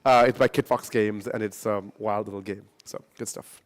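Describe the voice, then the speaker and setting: A man speaking at a convention panel, answering audience questions in an animated, casual way and often adding tag questions. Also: on the low side, moderate pace. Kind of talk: casual Q&A talk. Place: convention hall.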